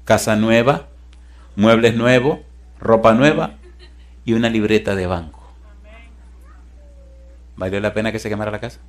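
A man preaching from the pulpit as pastor. He swings between booming questions to the congregation and soft, hushed storytelling in a church sanctuary. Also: normal speed, long pauses. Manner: animated preaching, shifts from loud calls to hushed storytelling. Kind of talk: sermon.

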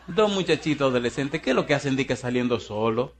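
A man's voice: lively intonation, fast talker, noisy background. A man preaching a sermon as pastor, firing rhetorical questions at the congregation in a folksy, teasing way. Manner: swings between booming and hushed.

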